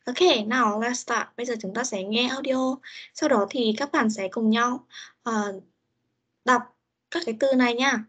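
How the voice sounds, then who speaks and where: Husky-voiced woman teaching online. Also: on the high side, a little slow, a bit bright. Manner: mixes Vietnamese and simple English, hesitant fillers. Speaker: English teacher. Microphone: computer mic on a video call.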